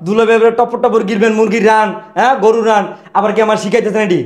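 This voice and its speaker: An actor playing a hot-tempered husband who rough-talks and scolds his wife and her relatives over his father. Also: high-pitched, level tone, very fast, echoey room, natural voice. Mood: angry scolding. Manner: shouting, scolding, rough colloquial speech. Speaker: angry son defending his father.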